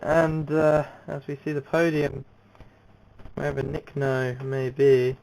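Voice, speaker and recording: A young man commentating on an amateur racing league, excitable and rambling, with many fillers and restarts. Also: mid-range voice, slow pace, gravelly, a little hiss or hum, poor audio. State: out of breath. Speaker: race commentator.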